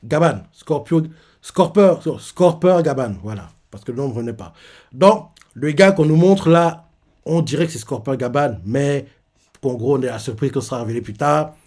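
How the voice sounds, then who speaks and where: At medium pitch and normal speed, a man hosts a live reaction to a manga chapter, retelling it animatedly and with plenty of fillers.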